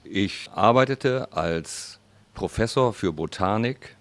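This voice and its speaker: Low-voiced male interpreter. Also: lively intonation, slow pace, a bit bright. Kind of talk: voice-over translation.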